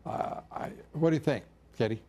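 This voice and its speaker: An older male TV news host who leads a panel and pauses often with fillers. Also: medium pitch, dark tone. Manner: hesitant with many fillers. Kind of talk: cable news anchor segment.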